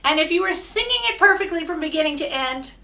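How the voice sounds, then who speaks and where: Bright-voiced woman choir director, echoey room. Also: sits high, lively intonation, fast talker. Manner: encouraging, coaching call-and-response, sings demonstrations. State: voice tiring. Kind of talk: online choir rehearsal, teaching a round by ear. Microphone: video call.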